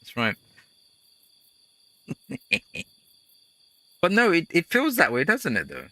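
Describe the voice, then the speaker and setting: A man's voice: on the high side, wildly swooping pitch, fairly quick, bright, forceful tone, no room sound. A man hosting a let's play, giving casual gameplay commentary that rambles into chatty, jokey storytelling.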